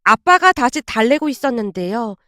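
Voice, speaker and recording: Expressive high-voiced woman storyteller. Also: moderate pace, no room sound, clean studio sound. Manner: expressive, emotional retelling. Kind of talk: first-person dramatized story narration.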